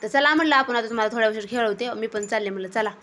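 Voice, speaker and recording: A young mother narrates a family vlog out in a garden, talking fast and sharply in a slightly high voice. She's chatty and casual, though she scolds her kids now and then.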